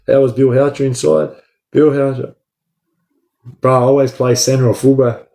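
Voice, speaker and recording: An Australian man with an average-pitched voice talks in an echoey room. He tells his story casually, as if to mates on a livestream, full of swearing and eshay street slang. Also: level tone, moderate pace, creaky, dark tone. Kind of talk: casual livestream chat and yarn.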